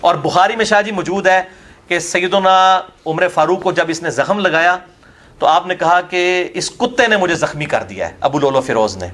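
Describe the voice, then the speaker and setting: A man's voice: high voice, expressive, fairly bright tone. A man as an interview guest, arguing a religious point in a combative, scornful way with pointed rhetorical questions. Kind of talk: heated religious debate talk.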